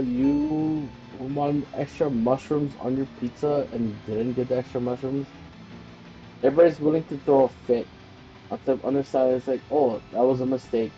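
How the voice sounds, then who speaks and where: A man's voice: medium pitch, warm tone, dull audio. A man streamer chatting casually and telling rambling stories. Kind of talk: casual chat.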